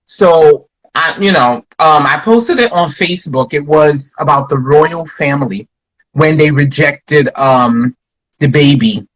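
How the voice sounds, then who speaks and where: A deep-voiced woman speaks at a measured pace on a rough recording. She's a comedian from Flatbush, Brooklyn, New York, whose American-accented storytelling in a casual interview rambles and reflects, with frequent restarts and "you know".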